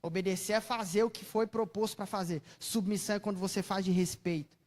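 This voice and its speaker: A woman with a Brazilian Portuguese accent preaching a sermon, telling stories expressively and often turning to the audience with questions, dropping to soft asides and rising to loud exclamations. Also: mid-range voice, fairly even intonation, brisk. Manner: chatty, asks the audience questions.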